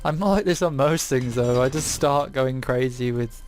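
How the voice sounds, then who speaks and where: A man's voice: mid-range voice, normal speed, a little mellow, faint music behind. A young British man hosting casual gameplay commentary, rambling and breaking into silly songs. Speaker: gaming video host.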